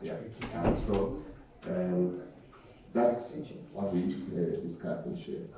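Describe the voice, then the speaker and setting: A man from Tanzania sharing in a conference group discussion, hesitant with many pauses and fillers. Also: sits low, background noise. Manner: hesitant, many ums and uhs. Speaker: conference participant. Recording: echoey hall, far from mic.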